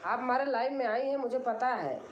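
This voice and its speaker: A woman's voice: a little high, a little fast, roomy sound, dull audio, slight background noise. A woman from Allahabad, hosting a casual live stream and answering comments in an insistent, repetitive way, explaining herself. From Allahabad, India.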